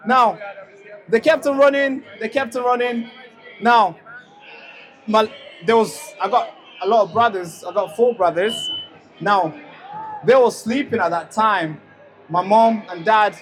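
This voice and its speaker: A young man born in a refugee camp in Tanzania, giving a speech outdoors at a street rally and telling a story emphatically. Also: extremely high pitch. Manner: emphatic storytelling with many repeated lead-ins. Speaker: speaker at a rally.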